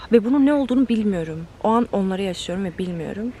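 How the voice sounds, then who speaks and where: A woman's voice: medium pitch, quick pace, a little hiss or hum. Candid young woman telling her story. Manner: candid, animated, with many fillers and restarts. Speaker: vlogger. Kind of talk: personal storytelling to camera.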